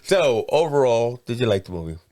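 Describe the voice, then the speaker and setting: A man co-hosting a casual movie review chat, animated and jokey, often slipping into mock voices. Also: medium pitch, fairly quick. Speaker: podcast co-host.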